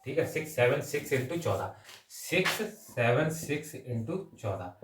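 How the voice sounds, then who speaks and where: A male maths teacher with a mid-range voice and lively intonation works through exam problems aloud at a measured pace, one step at a time. He drops English number words and terms into his explanation and keeps checking in with short tags. Background noise is audible, and the sound is echoey, picked up some way from the microphone.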